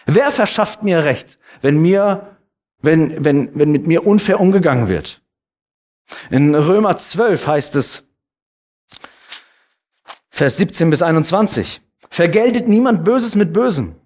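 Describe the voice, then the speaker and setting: Man, preacher, sermon, lively pitch swings, emphatic scripture reading. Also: takes it slowly, pauses often. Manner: animated, rises high when quoting scripture; drops low and soft for comfort.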